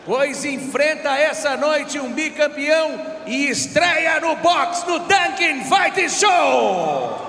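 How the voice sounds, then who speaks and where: A male ring announcer giving a grand entrance announcement in a shouted, drawn-out showman style. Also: very high voice, lively intonation, a faint crowd. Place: live boxing ring in a large arena. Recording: echoey arena PA with faint noise.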